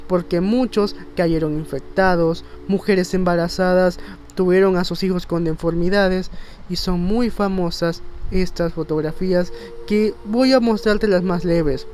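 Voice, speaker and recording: Faint music and a little hiss or hum accompany a man narrating a video essay full of his own opinions. His voice is high-pitched yet darkish, steady in tone and measured in pace. He punches key words with dramatic, rhetorical emphasis.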